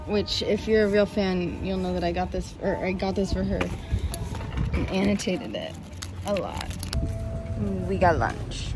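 Chatty young woman vlogging. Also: medium pitch. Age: young adult. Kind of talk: casual travel vlog chat.

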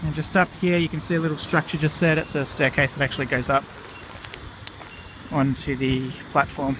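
A man's voice: on the high side, normal speed. Chatty Australian guy filming a walk. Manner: chatty, relaxed, with fillers and "righto". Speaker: vlog host. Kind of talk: casual walking vlog narration. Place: outdoors on a disused railway platform in a park. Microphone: handheld camera mic while walking. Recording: outdoor camera audio with clear insect noise.

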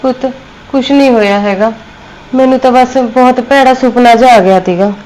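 An actress playing a soft-spoken, middle-aged mother-in-law with a Punjabi accent in a short film. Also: on the high side, moderate pace, slight background noise, lightly acted. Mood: weary. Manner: soft, gentle, reassuring. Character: worried mother-in-law with a headache.

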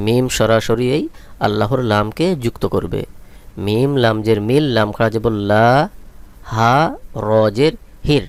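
A man's voice: on the low side, vocal fry, clean tone. A man teaching Quran reading, spelling out letters and vowel marks one at a time and then drawing out each chanted word. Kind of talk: slow spelling-out lesson with translation.

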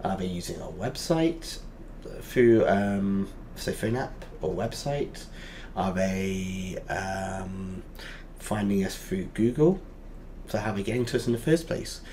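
Guy with a lower voice walking through a whiteboard lesson, lots of ums, slight hiss behind. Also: expressive, slow pace, warm tone. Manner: explaining step by step with many fillers. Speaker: teacher.

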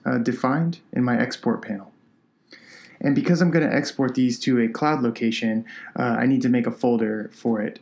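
A man with a nasal voice, a product designer, talking through a software tutorial step by step in a relaxed, conversational way. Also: medium pitch.

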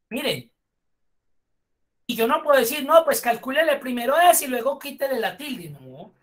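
A woman teaching a spreadsheet course online, explaining step by step and praising her students. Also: mid-range voice.

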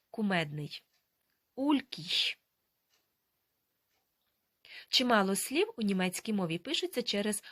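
A woman teaching a language lesson, slowly and carefully modelling pronunciation and drilling words. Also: mid-range voice, a bit bright, no echo, clean studio sound.

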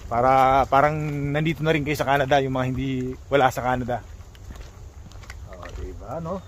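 A man's voice: mid-range voice, normal speed, a little hiss or hum. A man talking casually to his viewers while walking outdoors by a lake, exclaiming often at the sights. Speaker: vlogger.

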